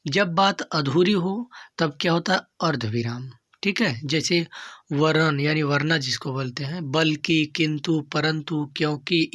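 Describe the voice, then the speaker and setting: A man's voice: a little high, fairly bright tone, no room sound, studio quality. A man teaching a grammar lesson for exam coaching, who often repeats phrases and checks in with his students. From India. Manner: slow, deliberate delivery.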